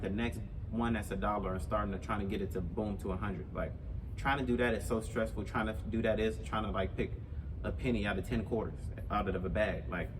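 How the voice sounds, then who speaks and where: Low-voiced young man vlogging outdoors. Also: far from the mic, noisy background. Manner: laid-back, slangy, repeats points for emphasis. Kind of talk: casual chat to camera.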